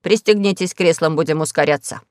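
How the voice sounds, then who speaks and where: A woman voicing a polite, fussy talking spaceship in a lower, measured tone. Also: a little mellow, no room sound, studio quality, lightly acted. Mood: prim.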